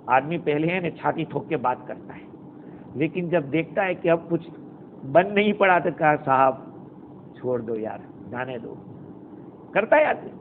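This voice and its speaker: A man giving a Quran commentary lecture, quoting Arabic verses and explaining them in a storytelling way. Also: on the high side. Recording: tinny phone-like recording with faint noise.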